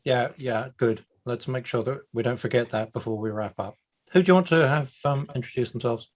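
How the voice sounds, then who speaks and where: This man from the UK runs an online meetup over video, speaking fairly quickly in a mid-range voice. He keeps the casual conversation chatty and makes fun of himself.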